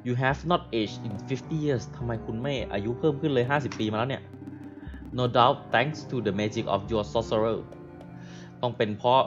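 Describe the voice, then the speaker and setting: Slow-talking Thai man streaming a game. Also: mid-range voice. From Thailand. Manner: slow deliberate reading with polite particles. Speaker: gaming streamer. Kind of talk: live game stream, reading and translating dialogue. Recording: dull lo-fi stream audio. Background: game music.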